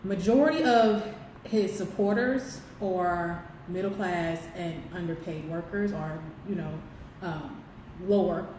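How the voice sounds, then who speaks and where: A woman's voice: on the low side, slow, distant mic. A woman co-hosting an impassioned political discussion, speaking emphatically and firing rhetorical questions at her listeners. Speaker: co-host. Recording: very echoey room, voice off-mic, faint noise.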